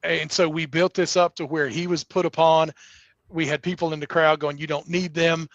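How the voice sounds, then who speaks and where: Middle-aged guy rambling earnestly bout his promotion, kinda high voice, dull dry audio. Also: steady tone, moderate pace, a bit bright, no room sound. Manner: earnest, rambling with many restarts. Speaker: wrestling promoter and commentator. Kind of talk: casual interview talk.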